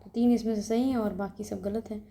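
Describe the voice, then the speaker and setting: A woman teacher working through a practice test aloud, briskly explaining each answer and repeating words as she checks them. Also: mid-range voice, fairly even intonation, vocal fry, dark tone. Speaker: exam coaching teacher.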